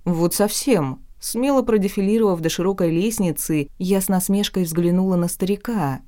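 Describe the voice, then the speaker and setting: Low, mellow woman narrating an audiobook. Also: moderate pace. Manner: expressive storytelling, wry asides. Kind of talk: first-person audiobook narration.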